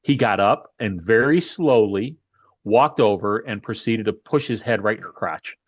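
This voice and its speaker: A man telling a story about his dog in casual conversation, animated and often restarting his sentences. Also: on the low side, moderate pace, lo-fi sound. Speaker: dog owner.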